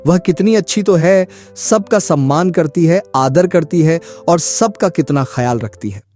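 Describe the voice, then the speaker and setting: A man voicing a calm, fair-minded older father-in-law in a cartoon story, who speaks in a gentle, reasoning way. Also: a little high, unhurried, faint music behind.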